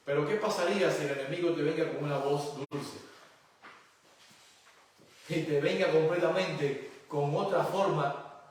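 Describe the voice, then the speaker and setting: A male pastor delivers a sermon, reading scripture aloud before breaking it down with rhetorical questions. His voice sits a little high for a man. It comes from well away from the microphone and rings heavily around a church hall. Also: unhurried, long pauses, slight background noise. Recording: very echoey church hall, voice from a distance.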